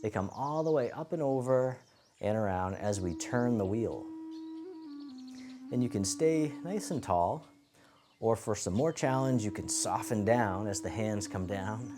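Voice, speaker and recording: A man teaching tai chi, cueing each movement step by step in a gentle, encouraging, unhurried way. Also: on the low side. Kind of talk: guided movement lesson, calm step-by-step cueing. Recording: music playing behind the voice. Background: music.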